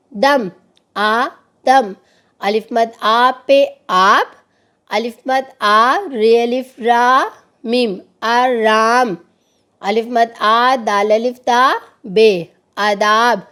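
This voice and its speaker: A woman teacher leads a children's reading lesson in a fairly high voice. She speaks slowly and stretches each vowel as she sounds out letters. She has the class repeat after her. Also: fairly bright tone.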